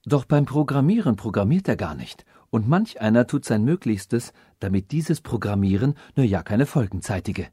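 A young prince in a storybook, posing as a human, explains himself earnestly and at length, read by a man close to his own voice. Mid-pitched and dry. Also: animated, moderate pace, few pauses, warm tone, husky, no echo. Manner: earnest, long-winded explanations.

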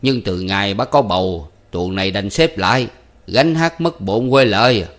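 A man's voice: lowish voice, normal speed, fairly bright tone, lightly acted. A man voicing an old male theatre troupe manager who is jovial and commanding, with a theatrical, declaiming way of talking. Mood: explaining. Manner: theatrical, bellowing stage declamation.

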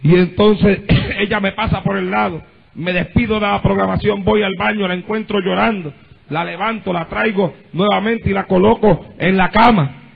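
A man preaching a sermon as a pastor, fervent and full of praise interjections, rising at times to impassioned shouting. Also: high voice, fairly even intonation, normal speed, creaky, slightly rough, phone-quality sound.

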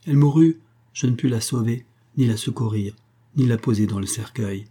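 Reading a storybook aloud, a man with a natural, mellow, husky mid-range voice speaks at normal speed. He voices a cunning, spiteful old grandmother who coaxes and wheedles, calling everyone "dear."

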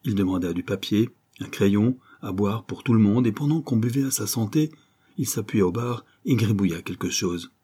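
Low, husky man reading a novel. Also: lively intonation, normal speed, dark tone. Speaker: audiobook narrator. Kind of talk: scripted literary narration.

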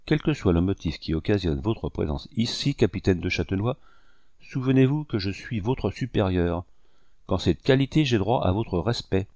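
A man's voice: deep voice, expressive, normal speed, darkish tone, no echo, clean studio sound. A man reading an audiobook voices a proud rebel commander who speaks with haughty, restrained menace. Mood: stern.

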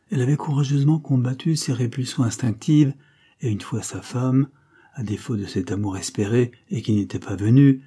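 A man narrating a classic novel as an audiobook, with a measured, literary storytelling delivery. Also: medium pitch, mellow, breathy edge. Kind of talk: scripted narration.

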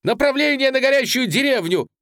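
A man voicing a male regimental commander who shouts orders in a strained, shrill voice. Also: expressive, fairly quick, no room sound, clean studio sound. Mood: commanding, shrill.

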